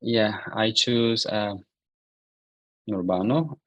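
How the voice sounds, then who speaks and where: Hesitant low-voiced man on a dull call. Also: very slow, dry recording. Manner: hesitant, searching for words, many fillers. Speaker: workshop participant. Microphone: video call.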